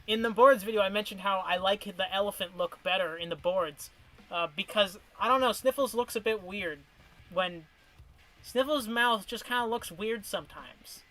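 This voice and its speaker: A man with a high, slightly bright voice chats casually at a moderate pace on a stream, ranking cartoon characters and wandering through tangents and restarts. His voice is getting worn from the long stream, and the recording quality is low.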